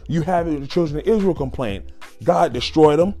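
A man's voice: on the high side, animated, moderate pace, dark tone, soft background music. A man giving an informal sermon, emphatic and full of rhetorical questions. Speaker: lay preacher.

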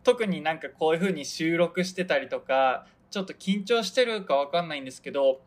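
A young man from Hokkaido, Japan, hosts his own radio show, chatting casually on his own, rambling and often losing his thread. His voice is fairly high-pitched and expressive, and he talks briskly.

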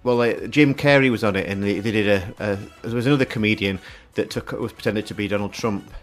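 Man, radio co-host, rambling chatty stories, slightly low voice. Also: fast talker, soft background music. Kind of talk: casual radio chat.

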